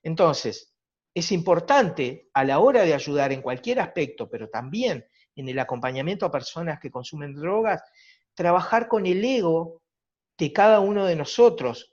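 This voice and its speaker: A man with a Uruguayan accent, a psychologist giving a reflective, explanatory talk at a virtual conference. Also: on the high side. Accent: Uruguayan Spanish. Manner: reflective, explanatory, rhetorical tag questions. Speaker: psychologist lecturer. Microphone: video call. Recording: dull lo-fi video call audio.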